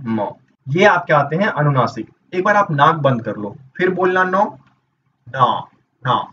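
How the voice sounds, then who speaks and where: A man's voice: on the high side, sharp tone. A man teaching a grammar lesson for exam preparation. He explains step by step and asks questions that he then answers himself. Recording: dull distant mic with faint noise.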